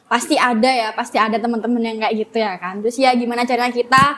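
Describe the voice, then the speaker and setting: A young woman speaking as an interview guest in a relaxed, chatty way, with frequent fillers and a loose, easy flow. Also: fairly high pitch, quick pace, a little hiss or hum. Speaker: guest, former flag-raising team member. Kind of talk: casual interview chat.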